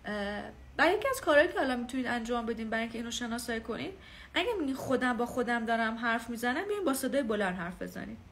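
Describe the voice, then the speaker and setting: A woman's voice: fairly high pitch, lively intonation, fairly bright tone. A woman giving a live spiritual lesson on self-knowledge, speaking earnestly and conversationally, acting out inner voices and everyday exchanges.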